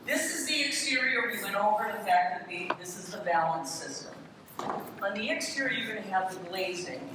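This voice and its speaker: This is a live event recording from a reverberant city hall, where a presenter who restores windows walks through the parts hands-on, defining each in turn. The pitch is middling, the sound echoes strongly, and there's noticeable noise with a distant feel.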